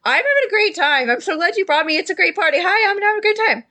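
A woman's voice: very high-pitched, lively intonation, bright, forceful tone, voice pushed up, full character voice. A woman voicing an eager, clingy young man who gushes and repeats himself. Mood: excited. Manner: rapid, gushing, repeats himself.

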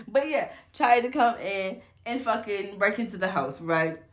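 A young woman vlogger retelling a story in a casual, animated way, full of swearing and laughing asides. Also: mid-range voice, a little slow.

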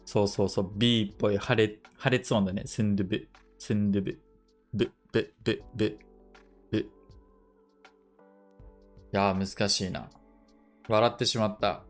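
A man hosting a casual dictation lesson. He thinks aloud and repeats English phrases slowly to check how they sound. His first language is Japanese. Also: on the low side, steady tone, soft background music. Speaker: podcast host leading a dictation session.

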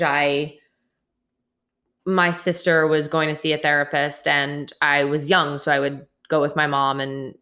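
Her low-pitched, somewhat bright voice carries this solo monologue, in which a podcast host in her late twenties speaks with candor and earnestness, now and then restarting her phrasing.

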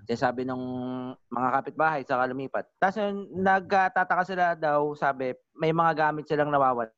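A man co-hosting a casual podcast chat, telling stories in an animated way and laughing often. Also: fairly high pitch, fairly quick, no room sound. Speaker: podcast co-host. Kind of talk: casual drinking-session chat. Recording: dull, dry lo-fi audio.

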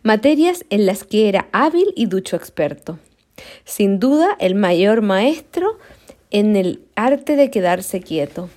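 A woman reading a children's story aloud in an expressive, slow, deliberate way, sometimes stumbling and restarting a word. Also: medium pitch.

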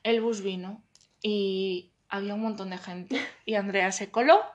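A young woman in casual chat with friends, telling a story with lively, acted-out quotes. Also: mid-range voice, measured pace.

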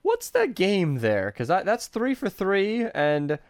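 This young man hosts a casual stream chat in a lively, swinging voice that jumps high when he gets excited. He swears freely. His voice sounds dry and close to the mic. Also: takes it slowly, no echo. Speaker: streamer host.

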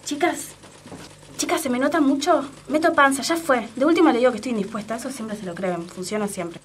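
A woman's voice: high voice, a little fast, slight background noise, natural voice. A woman with an Argentine Spanish accent playing a young pregnant factory worker, polite and pleading with her boss in a comic audio sketch. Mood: anxious. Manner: polite and pleading with bosses, blunt with friends.

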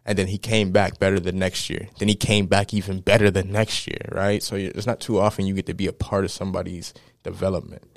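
Young man, deep voice, casual storyteller, dry close mic. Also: brisk, gravelly, hardly any pauses, no echo. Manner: animated storyteller, many "right?" tags. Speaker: football player guest. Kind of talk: casual interview answers.

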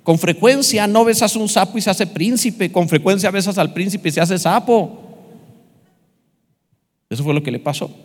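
Lively high-voiced pastor preaching in a hall. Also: male voice, moderate pace, pauses often. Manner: lively, humorous preaching with asides to the congregation. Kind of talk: sermon.

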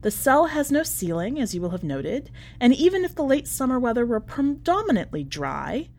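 In a dramatic story reading, a woman narrator voices an imprisoned letter writer, genteel and over-polite with a brittle, ironic cheer. Her fairly high, slightly mellow voice swoops with big pitch swings through ornate sentences at normal speed.

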